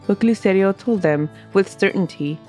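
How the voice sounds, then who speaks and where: A woman hosting a history podcast reads a scripted story aloud in a steady narrative style while stuffy from a cold. Her voice is mid-range and her pace moderate, with soft music playing in the background.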